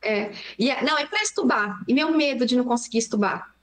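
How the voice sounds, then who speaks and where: Emotional Brazilian woman, fairly high voice. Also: a bit bright. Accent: Brazilian Portuguese. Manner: fast emotional recounting, quoting herself. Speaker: pediatrician guest. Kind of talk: interview storytelling.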